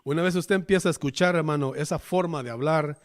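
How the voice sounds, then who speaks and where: A man from El Salvador, with a Salvadoran Spanish accent and a somewhat high voice, preaches a chatty, conversational sermon in a church at a quick pace. He keeps calling the listeners "hermano."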